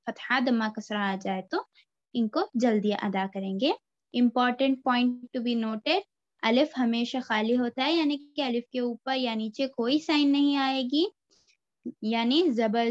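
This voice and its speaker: A woman teaching Quran reading step by step, switching between Hindi-Urdu and English phrases and reciting letter sounds slowly for her students to repeat. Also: fairly high pitch, dry recording. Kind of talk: slow step-by-step lesson. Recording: dry, dull lo-fi recording.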